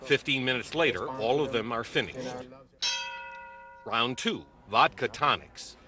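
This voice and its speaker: A man narrating a news feature in a scripted style, with a wry, lively delivery. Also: mid-range voice, unhurried, crowd noise.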